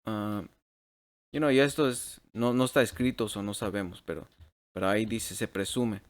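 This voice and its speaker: A man's voice: lowish voice, steady tone, normal speed. A man teaching a Bible class over shared slides at a computer mic, checking in with "ok?" after nearly every phrase and dropping English words into his Spanish.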